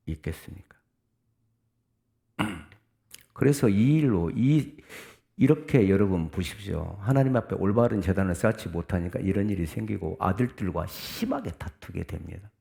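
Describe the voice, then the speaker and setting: This middle-aged pastor's Sunday preaching comes in a low, gravelly voice with a dark, mellow tone. Earnest, hushed explanation gives way to abrupt loud calls, and at times he breaks off to read scripture aloud alongside the congregation.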